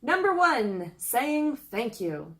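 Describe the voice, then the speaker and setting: Lively young woman reading a travel list. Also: a little high, takes it slowly. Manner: reads a countdown list aloud, upbeat and explanatory. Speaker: travel vlogger. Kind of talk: scripted travel narration.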